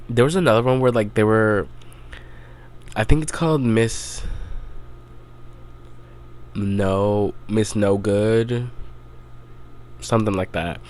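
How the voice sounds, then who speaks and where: Young male podcast host, low-pitched, rambling casual recap, filler-heavy. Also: slow, long pauses. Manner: loose storytelling, heavy on "like", swearing.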